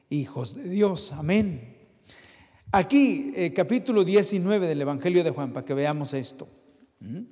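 A male preacher reading scripture and questioning the congregation, moving between loud emphasis and quiet asides. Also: a little high. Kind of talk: sermon with Bible reading. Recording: long hall reverb.

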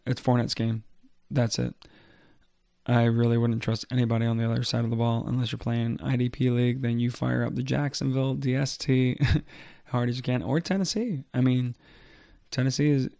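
A man's voice: medium pitch, vocal fry, dark tone, no room sound. A man hosting a fantasy football podcast solo, with casual, slangy sports commentary. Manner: informal, slangy.

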